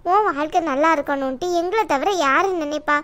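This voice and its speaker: A woman voicing a chatty, pushy middle-aged auntie who insists on arranging a match in an animated story. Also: high-pitched, brisk. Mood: coaxing. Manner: coaxing, insistent, talks at length. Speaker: married neighbour acting as matchmaker. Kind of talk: cartoon voice acting.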